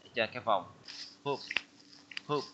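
Patiently drilling vocabulary and repeating words for his pupils, a man teaches English in an online class. He speaks at normal speed in an expressive, mid-range voice, captured in dull, noisy lo-fi audio.

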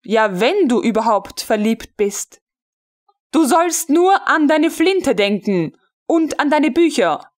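A woman's voice: big pitch swings, takes it slowly, full character voice. A woman playing an imperious jealous lady colonel. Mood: jealous, scolding. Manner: sharp, scolding, rising high.

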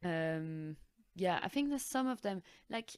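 A woman with a notably low voice co-hosts a podcast in casual back-and-forth chat. She talks in quick asides strung together with "like", and the sound is close and dry. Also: expressive, clear, resonant tone, no room sound. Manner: chatty, quick asides with lots of "like". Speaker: podcast co-host.

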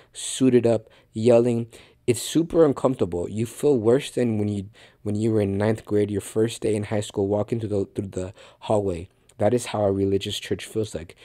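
Low mellow-voiced male podcast teacher. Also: no room sound, studio quality. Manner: conversational and earnest, many restarts, addresses the listener directly. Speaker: podcast host and Bible teacher. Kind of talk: casual faith podcast teaching.

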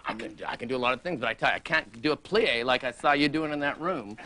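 An actor playing a pompous, oblivious, fussy middle-aged talk show host who gushes and is prissy, on a TV set. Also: male voice, medium pitch, fast, pushed and bright, slight background noise. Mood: gushing. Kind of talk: improvised comic interview.

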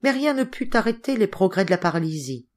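A woman narrating a literary audiobook in a steady, expressive reading style. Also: mid-range voice, fairly quick.

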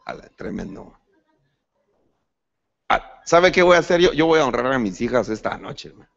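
Animated preaching man, lo-fi recording. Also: normal speed, gravelly. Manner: preaching, addresses the congregation as brother; lively pitch swings, rising to sudden emphatic peaks. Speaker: pastor. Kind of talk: sermon. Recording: dull lo-fi church recording.

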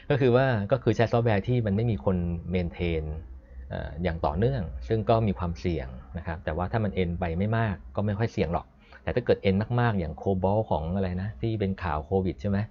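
This programming instructor, a man with a low voice, talks his way through a live-streamed coding class in a chatty, explanatory manner, slowing down whenever he reads code aloud. The sound is dull lo-fi stream audio.

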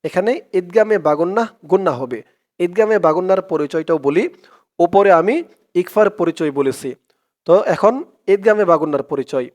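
A man with a Bangladeshi Bengali accent teaching Quran reading, reciting words aloud and then explaining the rules slowly. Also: sits high, a little mellow. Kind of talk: step-by-step recitation lesson.

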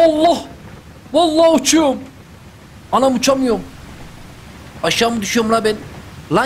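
A man doing live gameplay commentary for his channel, panicky and excitable, with loud exclamations and slangy asides. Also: extremely high pitch, slight background noise. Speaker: gaming YouTuber. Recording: clear music underneath. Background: game background music.

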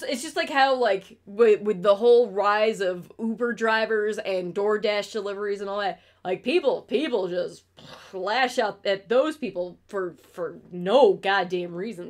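A young woman from New York State with an upstate accent streams casually from her bedroom, blunt and ranting and swearing freely. Her voice sits at a medium pitch.

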